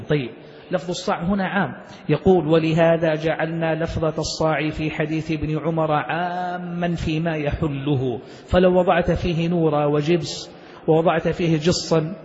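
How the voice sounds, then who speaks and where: A man's voice: on the high side, darkish tone, slight background noise. A male sheikh teaching a classical text, explaining it step by step and putting questions to his students. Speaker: sheikh teaching Islamic jurisprudence. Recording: dull lo-fi recording with long hall reverb.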